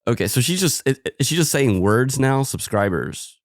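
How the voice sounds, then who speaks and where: A man's voice: medium pitch, expressive, fairly quick, no echo, studio quality. A man co-hosting a podcast in casual chat, joking, bemused and laughing often. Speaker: podcast co-host.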